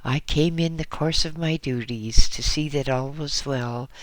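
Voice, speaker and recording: Calm old lama, soothing and slow, a guy doing the voice, dry audiobook sound. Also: fairly high pitch, no echo, close to an everyday voice. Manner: soothing, repeating himself. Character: old male lama, gentle tomb custodian.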